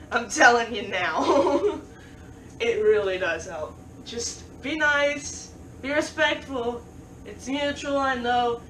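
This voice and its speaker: A woman vlogging casual advice, talking fast with stutters and restarts, often joking and laughing at her own lines. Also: on the high side, a bit bright, far from the mic. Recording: roomy, off-mic, faint background noise.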